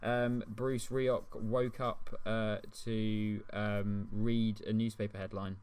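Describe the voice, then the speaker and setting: Podcast co-host, man, low-pitched and rambling, chuckling at his own anecdotes. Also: level tone, takes it slowly, darkish tone, clean tone. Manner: rambling, lots of ums, laughs at his own stories. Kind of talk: casual comedic podcast chat.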